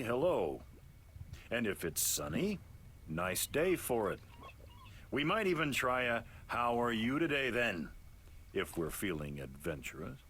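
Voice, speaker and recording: An actor playing a gruff, sarcastic merchant sailor in a video game, speaking dryly. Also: male voice, medium pitch, fairly bright tone, a little hiss or hum. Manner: dry, heavily sarcastic.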